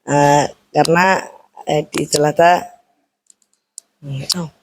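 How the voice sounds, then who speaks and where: A man's voice: a little high, fairly even intonation, slow pace. A young man from Semarang, a student being interviewed, who answers hesitantly with many fillers.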